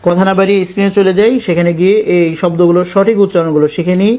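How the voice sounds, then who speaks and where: Casting: recitation teacher, spells out sounds and then stretches model words slowly, talks straight to viewers. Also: medium pitch, fairly even intonation, warm tone. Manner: drawn-out, slow model pronunciations between brisk explanation; addresses viewers directly. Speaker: Quran pronunciation teacher.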